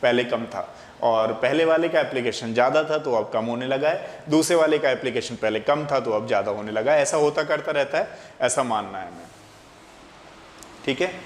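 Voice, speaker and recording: A man gives a classroom chemistry lecture, steady and explanatory, often posing a question and answering it himself. His voice sits at an ordinary middle pitch. The room is echoey with a long reverb tail and a faint hiss behind him. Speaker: chemistry teacher.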